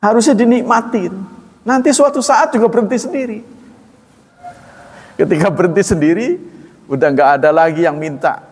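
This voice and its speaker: A middle-aged male preacher giving an easygoing religious talk with a fairly high voice. He asks the crowd rhetorical questions and plays out small exchanges in different voices. A long reverb hangs on his voice in a large hall. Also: moderate pace, pauses often, slightly rough. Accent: Indonesian. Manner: animated, rhetorical questions, acts out little dialogues. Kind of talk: conversational religious lecture. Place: mosque or lecture hall.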